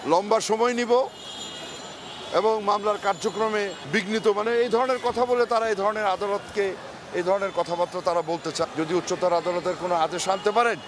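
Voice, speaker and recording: A male lawyer talking to reporters outdoors, halting and repeating himself. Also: high voice, steady tone. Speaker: lawyer speaking to press. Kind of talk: press remarks outdoors. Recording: street noise, from off the mic.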